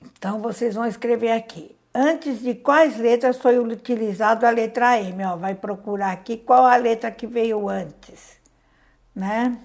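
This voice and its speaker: A woman's voice: a little high, measured pace, darkish tone. A Brazilian woman teacher reads out a worksheet to young pupils and explains it, patiently counting aloud and asking them questions. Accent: Brazilian Portuguese. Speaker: primary school teacher. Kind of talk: reading out and explaining a school worksheet.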